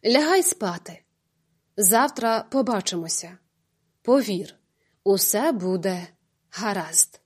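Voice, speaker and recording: A woman's voice: medium pitch, animated, slow, pauses often, husky. A woman reading an audiobook, voicing a protective, level-headed man who speaks firmly and soothingly. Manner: firm, soothing.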